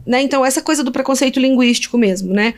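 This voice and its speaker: Brazilian woman, high voice, engaged academic guest, rhetorical and animated. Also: fast talker. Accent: Brazilian Portuguese. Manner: animated, poses rhetorical questions, many fillers. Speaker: linguist guest. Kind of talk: conversational interview answers.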